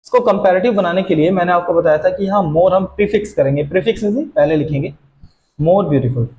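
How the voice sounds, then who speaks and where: High-voiced man teaching grammar, echoey room. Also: brisk, dull audio. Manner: explanatory, asks students questions and answers them himself. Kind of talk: classroom grammar lesson.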